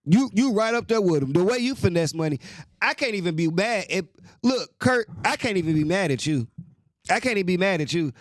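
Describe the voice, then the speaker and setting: Animated, profane man ranting about sports. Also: fairly quick, dry recording. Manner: profane, exasperated ranting with swings in pitch. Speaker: host. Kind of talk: casual sports rant.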